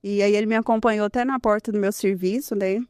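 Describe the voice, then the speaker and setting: A woman's voice: mid-range voice, fairly even intonation, quick pace, clear, resonant tone, dry recording, studio quality. A woman in her thirties telling her personal testimony in an interview, earnest and conversational, often ending phrases with a questioning tag. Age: 30s. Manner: earnest, tells her story with frequent "né?" and soft laughs. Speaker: guest giving a testimony.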